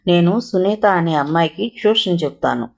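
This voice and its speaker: A woman voicing a patient young man who calmly reassures and advises. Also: lowish voice, moderate pace, vocal fry. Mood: reassuring. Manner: calm, reassuring advice.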